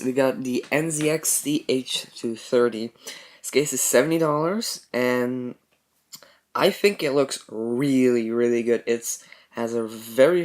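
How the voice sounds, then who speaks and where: Young man casually walking through PC parts. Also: mid-range voice. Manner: relaxed, many ums and restarts. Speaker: tech video creator. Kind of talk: casual product walkthrough.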